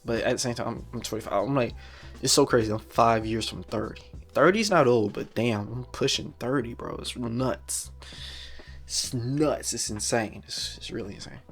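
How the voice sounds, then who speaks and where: A man's voice: mid-range voice, normal speed, gravelly, soft background music. Blunt, profane young man ranting. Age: 20s. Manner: blunt, profane, slangy, repetitive. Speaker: podcast host. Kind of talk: casual solo podcast rant.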